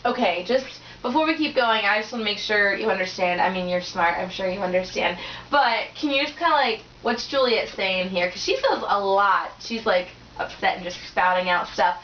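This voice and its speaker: A young woman tutors in a casual teaching conversation, leading the discussion in a chatty, encouraging way full of likes and ums. Her mid-range voice is fairly bright and moves at a moderate pace. The recording is roomy, dull, and lo-fi, with a little hiss or hum.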